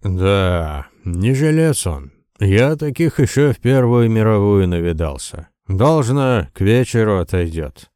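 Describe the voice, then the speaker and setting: A gruff old village man with a bushy beard talks bluntly in folksy country speech, as a man voices him. The voice sits somewhat raised over a dark, dry audiobook read. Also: lowish voice, expressive, a little slow, dry recording.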